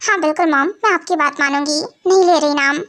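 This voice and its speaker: A woman voices a quick-tempered young bride in a fan-dubbed audio story, sounding annoyed, snappy and irritated. Her voice is high-pitched and a bit bright.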